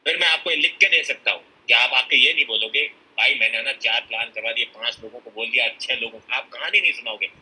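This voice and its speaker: A man's voice: medium pitch, fairly quick, hardly any pauses, sharp tone, husky, rough recording. A man giving a blunt, emphatic motivational talk at a business seminar. He mixes in English phrases and acts out people's excuses as he goes.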